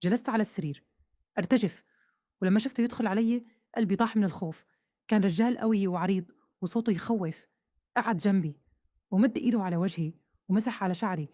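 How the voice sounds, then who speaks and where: A woman narrates a first-person story at a brisk pace. Her voice is dark and mellow, and the recording is dry and close. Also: mid-range voice, no echo. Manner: fast, earnest storytelling.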